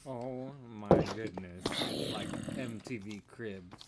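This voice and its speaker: A man's voice: on the low side, slow. A man casually chatting while playing a block-building game on a live stream, wondering aloud as he explores. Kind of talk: casual gameplay chat. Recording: loud background noise with clicks.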